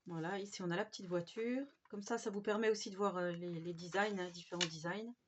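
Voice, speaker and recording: A woman's voice: on the low side, steady tone, fairly quick, background noise. Chatty woman gushing over craft cards. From France. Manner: chatty and gushing, with many fillers and little exclamations. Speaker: craft vlogger. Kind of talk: casual haul show-and-tell. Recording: slightly dull home recording.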